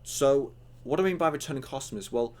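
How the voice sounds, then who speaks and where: A man's voice: medium pitch, quick pace. Rambling young man teaching with hiccups. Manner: rambling, filler-heavy, acts out chat lines. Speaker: online trading tutor. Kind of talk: casual tutorial talk.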